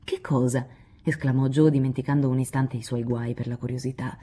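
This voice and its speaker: A woman narrates a classic novel in a low, very dark and mellow voice. Her tone is slightly husky, and her delivery is measured and expressive. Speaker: audiobook reader. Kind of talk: literary audiobook narration.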